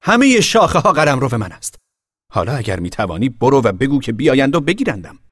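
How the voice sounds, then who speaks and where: Loud bragging boy up a tree, a man doing him: high, husky, defiant shouts. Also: very animated, dry recording, studio quality. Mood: boastful. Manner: shouting, boastful.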